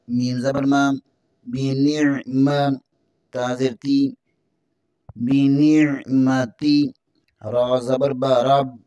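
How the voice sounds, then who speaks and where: A man teaches Quran recitation, breaking each verse into its letters before chanting it in a slow, drawn-out way. His voice is smooth and clear, held at a flat, steady pitch. The recording is dry and close. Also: no echo. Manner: slow drawn-out recitation between brisk explanations.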